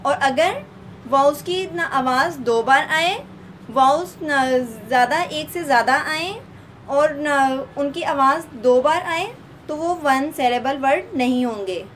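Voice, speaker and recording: A woman's voice: high voice, fairly bright tone, slight background noise. A woman with a Pakistani accent teaching a kindergarten English lesson, spelling out each word letter by letter and repeating it. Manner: slow, spells words letter by letter and repeats them. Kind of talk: recorded classroom lesson.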